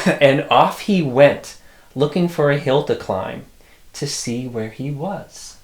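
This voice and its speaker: A middle-aged man reads a picture book aloud at an unhurried pace, with a very lively, swooping delivery. He drops in small asides full of childlike wonder. The sound is roomy, with noticeable echo. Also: mid-range voice. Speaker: storyteller, host.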